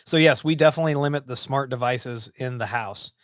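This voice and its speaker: Broadcasting from his small home office, a livestream host in his forties reads out viewer comments, his casual chat full of ums and restarts. He speaks briskly in a bit-bright, mid-range voice, captured in studio quality with no echo.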